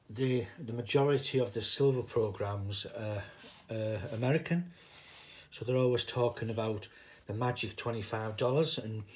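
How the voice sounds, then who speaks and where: A middle-aged man with a medium-pitched Teesside accent from northeast England hosts a casual, unscripted home vlog as a hobbyist coin stacker. He rambles, drifting off the point and then wandering back.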